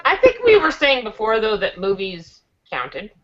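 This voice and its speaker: A woman's voice: a little high, wildly swooping pitch, normal speed, a crowd in the background. A woman chatting casually, giggling and telling little stories. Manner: giggly, storytelling. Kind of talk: casual online voice chat. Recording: lo-fi voice chat audio.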